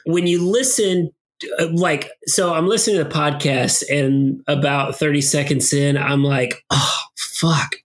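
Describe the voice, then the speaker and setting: A man's voice: on the high side, steady tone, unhurried. A man co-hosting a casual podcast, joking and mocking himself. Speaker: podcast co-host.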